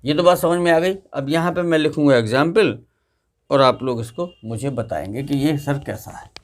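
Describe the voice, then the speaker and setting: Male teacher with a slightly high voice, drilling grammar rules in class through call-and-response. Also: moderate pace. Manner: asks students questions and repeats the answers.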